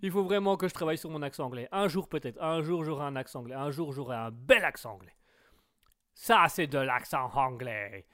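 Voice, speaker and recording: A man hosting a live chat stream, telling a story with playful, animated mock voices. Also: on the high side, quick pace, hardly any pauses. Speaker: host of a live call-in stream.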